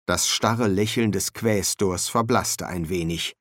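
A man narrating a comic fantasy audiobook in a measured, expressive reading. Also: sits low, no room sound, studio quality. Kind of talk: scripted narration.

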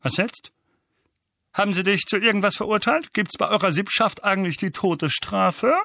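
A man voicing a blustering, irascible middle-aged uncle in an audiobook, booming and bleating with spiteful indignation. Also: moderate pace, creaky, sharp tone, no echo, studio quality, full character voice. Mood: spiteful, taunting.

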